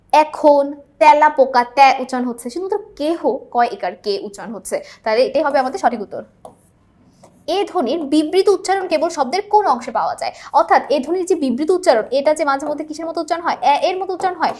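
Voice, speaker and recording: A woman teacher working through exam questions step by step, asking questions and answering them herself and checking that her students follow. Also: high-pitched. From Bangladesh. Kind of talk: exam-prep lesson, solving multiple-choice questions.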